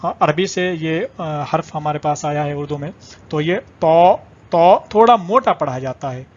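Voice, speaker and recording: A man with a fairly high voice gives a patient alphabet lesson and says each letter sound several times so learners can copy it. The recording sounds dull and lo-fi. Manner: slow, patient, repeats sounds aloud for drilling. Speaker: language teacher.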